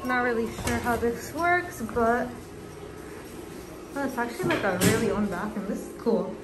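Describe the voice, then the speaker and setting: Loud music plays over a woman's fairly high, lively voice as she talks at normal speed into her phone. The pet vlogger is traveling between an airport and a rental car, chatting with plenty of fillers and cooing at her cats in a noisy recording.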